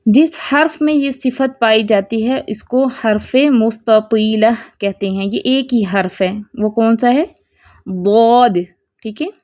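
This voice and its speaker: Slow, patient woman teaching recitation. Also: fairly high pitch, darkish tone. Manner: slow and patient, drawing out example words syllable by syllable. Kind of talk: online tajweed lesson.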